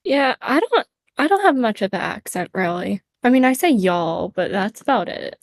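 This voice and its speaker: A young woman guest on a podcast who speaks softly and agreeably in casual chat. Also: on the high side, very animated, normal speed.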